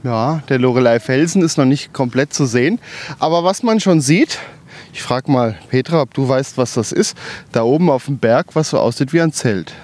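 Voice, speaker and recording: A man's voice: mid-range voice, normal speed, a little mellow. A man hosting a hiking podcast outdoors, explaining things in a casual, conversational way as he walks. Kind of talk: casual on-location commentary.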